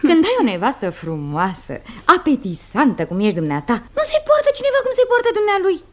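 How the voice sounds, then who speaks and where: An actress playing a chatty, coquettish city wife in a 1970s radio comedy. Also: female voice, sits high, huge pitch swings.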